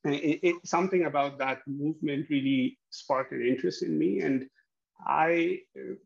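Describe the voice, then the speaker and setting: A Pakistani man in his 30s, an accounting educator appearing as a guest speaker, gives a webinar presentation over a video call webcam. His fairly high-pitched but gravelly voice comes through dull and lo-fi. He speaks haltingly and hesitantly, with many fillers and restarts.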